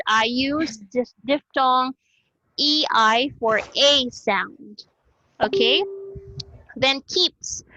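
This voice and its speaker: A woman's voice: sits high, bright, forceful tone, dry recording, highs cut off. A woman teacher with a Cebuano Filipino accent giving an online class lecture over a video call. She switches between English and Cebuano and repeats sounds as she explains them.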